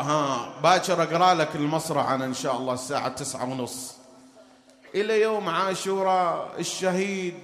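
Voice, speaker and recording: A man's voice: a little high, a bit bright, echoey room, big-room sound. A man preaching a mourning sermon, moving between storytelling and chanted elegy. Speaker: religious orator.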